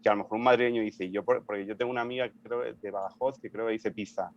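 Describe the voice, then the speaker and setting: A man's voice: on the low side, steady tone, racing, muffled recording. A man speaking in a casual panel discussion, thinking aloud and restarting his sentences. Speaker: panel guest.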